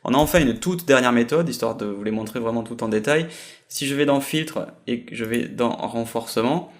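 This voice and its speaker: A man giving a screen-recorded software tutorial, explaining step by step with frequent hesitations. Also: mid-range voice, moderate pace. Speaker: software trainer.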